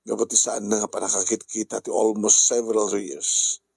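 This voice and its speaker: A man with an Ilocano accent who narrates a radio letter-drama in a slow, measured storytelling manner. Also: lowish voice, flat delivery, vocal fry, a little mellow, slightly rough, dry recording.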